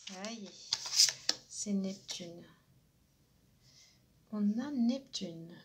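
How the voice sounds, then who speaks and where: A woman giving a spiritual oracle card reading. She talks hesitantly with many fillers and often drops into a soft half-whisper. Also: medium pitch, expressive, drawn-out words, slight background noise.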